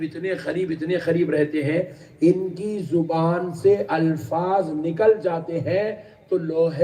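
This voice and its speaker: Male preacher, rhythmic storyteller who builds to shouts; slightly high voice, mic well off. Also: far from the mic. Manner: rhythmic repetition of phrases, rising to shouted emphasis. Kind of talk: religious sermon with storytelling.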